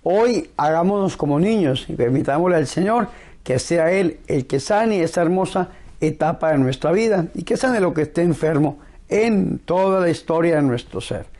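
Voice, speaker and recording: Higher-voiced male priest preaching. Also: lively intonation, a little mellow. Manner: solemn, pastoral, deliberate phrasing. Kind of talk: devotional sermon and prayer.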